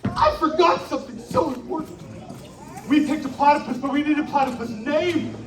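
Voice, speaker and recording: A man performing a live interactive story show at a winter carnival, coaxing the audience into shouted call-and-response. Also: very high voice, brisk, noisy background. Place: outdoor winter carnival stage. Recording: echoey, distant live recording with crowd.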